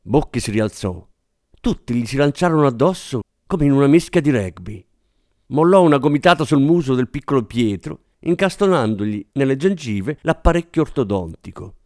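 A man reading a novel aloud as an audiobook narrator, expressive and dramatic. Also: medium pitch, moderate pace, no room sound, clean studio sound. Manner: expressive, dramatic, does character voices.

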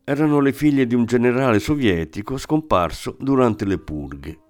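A man reading literary fiction aloud in a measured, reflective manner, with faint music behind. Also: medium pitch, darkish tone. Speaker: audiobook narrator. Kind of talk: scripted literary narration.

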